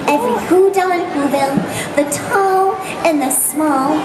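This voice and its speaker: A woman's voice: extremely high pitch, lively intonation, normal speed, distant mic, background noise. A woman playing a cheerful little Who girl, reading a rhyming storybook aloud in a sing-song voice at a live theme park show. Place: indoor public theme park venue. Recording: echoey hall with loud crowd and music. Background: loud crowd and holiday music.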